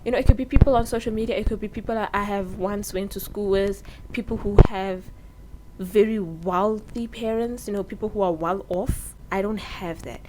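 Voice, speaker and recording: A woman's voice: medium pitch, steady tone, normal speed, background noise. Candid young South African woman vlogging. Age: early 20s. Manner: candid, earnest, slangy. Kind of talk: sit-down advice vlog. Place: indoors, seated. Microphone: own microphone with popping.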